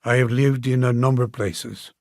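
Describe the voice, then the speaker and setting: A man reading an audiobook, voicing a courteous, formal gentleman from northern Portugal. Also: medium pitch, steady tone, normal speed, no room sound, clean studio sound, natural voice. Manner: formal and polite.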